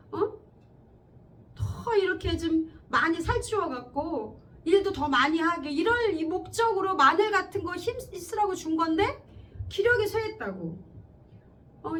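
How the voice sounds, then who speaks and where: A woman's voice: very high-pitched, a bit bright. A woman pastor preaching a sermon in a conversational way, often checking in with her listeners and acting out quoted speech. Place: church. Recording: distant mic with faint background noise.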